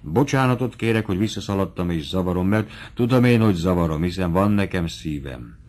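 A man reading an audiobook, voicing a sly, tipsy male servant who flatters and confides. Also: deep voice. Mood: fawning. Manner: obsequious, confiding.

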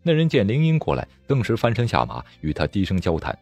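A man narrating a martial-arts novel as an audiobook, in a dramatic, expressive storytelling manner. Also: fairly low pitch, fast, gravelly, faint music behind.

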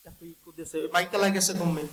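A man's voice: on the high side, fairly even intonation, low-quality recording. A male preacher, delivering a chanted, emotional sermon to a gathering and calling out to the crowd. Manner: sing-song, calls out to the crowd, drawn-out chanted lines. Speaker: Islamic preacher.

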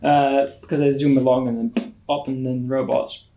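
A man's voice: medium pitch, little pitch movement, normal speed, warm tone. A man co-hosting a podcast, chatting casually with friends in a hesitant way, often correcting himself. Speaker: podcast co-host. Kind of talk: casual banter about toys. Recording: echoey, reverberant room.

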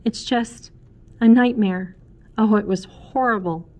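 A man voicing a young giant princess, a tender and anxious lover, speaking softly and breathily. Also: high voice, takes it slowly, voice pushed up. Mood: shaken.

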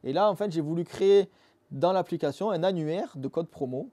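A man's voice: fairly high pitch, normal speed, mellow. Earnest man founder, darkish tone. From Marseille, France. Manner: earnest, explains step by step with fillers. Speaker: app founder, guest. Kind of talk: casual interview. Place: dim motorcycle workshop studio.

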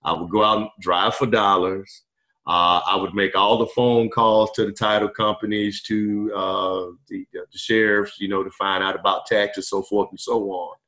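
A middle-aged man, a podcast guest, telling his story in a relaxed, rambling way with many fillers over a video call. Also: on the low side, moderate pace. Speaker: podcast guest, truck driver turned wholesaler. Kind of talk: casual storytelling interview. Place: indoor room, video call. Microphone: webcam on video call.

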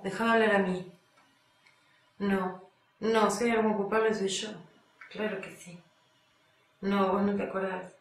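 An actress plays an Argentine woman left by her lover, talking into the phone to a man we never hear. She speaks slowly and softly, letting long pauses hang, in a voice that rings in an echoey room. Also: mid-range voice, far from the mic. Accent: Argentine Spanish. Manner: speaks to an unheard caller, breaks into screams and sobs. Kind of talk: stage monologue on the phone.

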